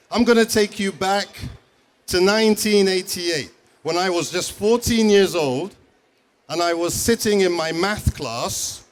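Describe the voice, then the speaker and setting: A man. He is engaging and keeps asking the room questions. His voice sits high for a man. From England. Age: 40s. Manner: engaging, asks the audience questions. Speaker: school principal, speaker. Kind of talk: conference talk to an audience.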